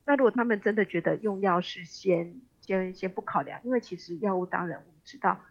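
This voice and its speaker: A woman's voice: medium pitch, fairly quick, muffled recording. A woman with a Taiwanese accent speaking as an expert guest in a radio interview, explaining things conversationally with empathy and the odd English word. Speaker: expert guest, special education professor.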